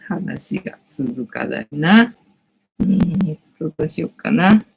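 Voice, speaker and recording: A woman's voice: lowish voice, vocal fry, slightly rough, rough recording. A woman in her late forties hosting a casual livestream from home, rambling chattily with lots of fillers. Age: late 40s. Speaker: livestream host.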